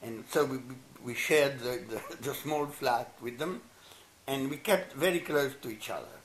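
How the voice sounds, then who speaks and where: An older anthropologist whose first language is Italian gives reflective interview answers in a medium-pitched voice. He's halting yet warm, stammering, restarting, and laughing softly. The roomy space adds echo and faint noise.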